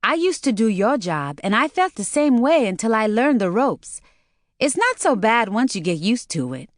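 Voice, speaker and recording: A woman's voice: on the high side, big pitch swings, normal speed, dry recording, studio quality, voice pushed up. A woman narrator voicing a chatty young woman receptionist with a slight Chinese accent and a hint of southern drawl.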